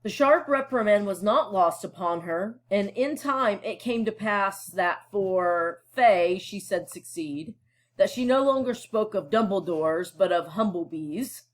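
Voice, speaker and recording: Speaking unhurriedly and with hardly any pauses, this teacher has a medium-pitched voice and lively intonation. She reads a novel to her students and talks them through it in a relaxed, explanatory way, often pausing to check in and dropping in plenty of fillers.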